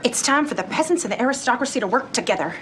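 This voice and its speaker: A woman's voice: fairly high pitch, lively intonation, rapid-fire, fairly bright tone, a little hiss or hum. An actress playing a pompous, rich teenage girl who talks in a theatrical, grandiose drawl. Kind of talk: TV comedy-drama acting. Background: music.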